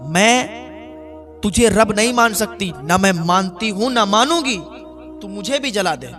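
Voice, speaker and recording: A devout maidservant, calm and unbending, answers every threat with firm refusal, as a male preacher voices her. The voice stays high and steady. Soft music plays faintly behind. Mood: firm defiance. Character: devout, defiant maidservant woman.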